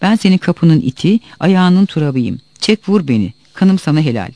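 A man voicing a servile, scheming middle-aged mill clerk from a novel, pleading and lively. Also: fairly high pitch, normal speed, no echo.

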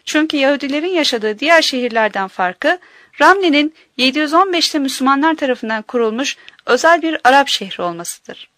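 A woman narrating an audiobook in a measured, careful way, minding each pronunciation. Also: sits high, lively intonation, bright, forceful tone, no room sound.

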